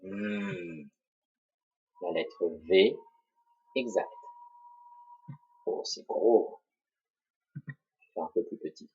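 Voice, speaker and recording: Slow, deliberate male teacher. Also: low-pitched, animated, darkish tone, slightly rough. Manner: slow, deliberate, spells out syllables. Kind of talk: classroom dictation lesson. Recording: dull lo-fi recording.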